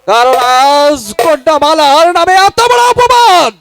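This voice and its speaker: An outraged, proud king of folk theatre, pitched extremely high. He declaims in a hammy stage manner, repeating himself for drama. Faint music sits behind the dialogue. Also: big pitch swings, a little slow, creaky, fairly bright tone, exaggerated voice. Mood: outraged, threatening. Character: outraged proud king, father of a wayward princess. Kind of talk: Bengali jatra folk theatre acting.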